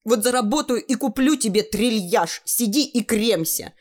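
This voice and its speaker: A sharp-tongued teenage girl with a raised, bright voice, as a woman reading the story puts her on. She is stubborn and a little dramatic, and she answers back in quick, pert retorts. It sounds like a character in a read-aloud storybook. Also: fairly high pitch, animated, voice pushed up. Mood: pert, sulky.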